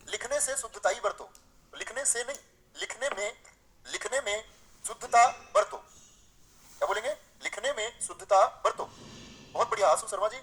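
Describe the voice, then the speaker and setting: A man teaching a live online grammar class. He keeps asking his students rhetorical questions, reads example sentences aloud slowly before correcting them, and calls the students dear friends. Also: high voice, bright, forceful tone, poor audio.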